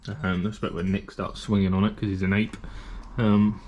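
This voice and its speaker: A man's voice: on the low side, flat delivery, normal speed, highs cut off, background noise. A man with a British English accent narrating a casual workshop vlog while building a race car, chatty and rambling with lots of fillers, a little out of breath from the heat. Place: hot garage workshop.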